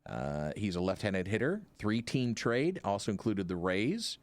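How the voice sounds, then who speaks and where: Low-voiced male sports radio host. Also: sing-song, unhurried, dry recording. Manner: chatty, playful, upbeat sign-off. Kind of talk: casual sports radio chat.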